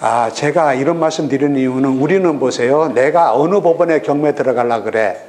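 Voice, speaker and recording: A middle-aged man giving a recorded lecture on real estate auctions, lively and full of rhetorical questions. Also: mid-range voice, fairly quick, slight background noise. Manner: lively, rhetorical questions, acts out regional voices.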